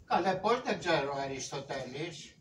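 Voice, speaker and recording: Guy putting on a prissy high lady minister, goes "kalé" a lot, echoey far-off live recording. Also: lively intonation, fairly bright tone. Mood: smug. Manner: falsetto, mincing, repeats "καλέ". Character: affected, vain woman minister, shrill and prim. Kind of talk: live shadow puppet theatre. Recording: echoey, distant, noisy live show.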